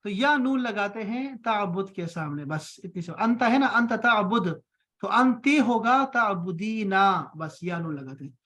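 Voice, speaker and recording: A man's voice: high-pitched, expressive, normal speed, a bit bright. A man from Pakistan teaching an online Arabic class on a call, patient and encouraging, repeating each point.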